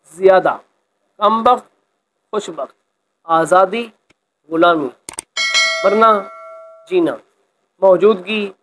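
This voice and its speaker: High-voiced man teaching a class lesson. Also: fairly bright tone, low-quality recording. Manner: reads example sentences slowly and expressively, then explains. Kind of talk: explaining a textbook exercise.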